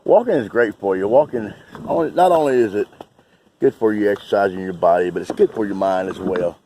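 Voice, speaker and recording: A man vlogging outdoors by a lake, chatting and talking excitedly to his drone. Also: lowish voice, a little fast, poor audio. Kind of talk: casual outdoor vlog. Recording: outdoor wind noise on mic.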